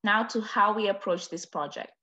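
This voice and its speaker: Woman, student presenter, formal read-through of a project overview, mid-pitched and even. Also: moderate pace, highs cut off.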